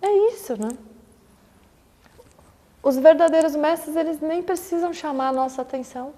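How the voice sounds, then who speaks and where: A woman's voice: high voice, moderate pace, mellow, in a large hall. A woman, a Buddhist teacher giving a conversational dharma talk, often tagging her sentences with little questions to the listeners. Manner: conversational, frequent tag questions, acts out quoted voices.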